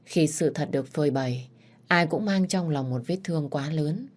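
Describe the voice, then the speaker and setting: Low-voiced woman storyteller. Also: moderate pace. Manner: steady, dramatic storytelling. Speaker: story narrator. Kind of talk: first-person audiobook narration.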